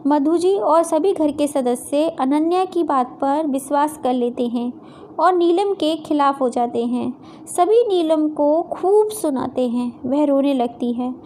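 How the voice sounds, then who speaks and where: A woman narrating a family moral story in a plain, clear storytelling manner. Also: sits high, takes it slowly, warm tone, a little hiss or hum.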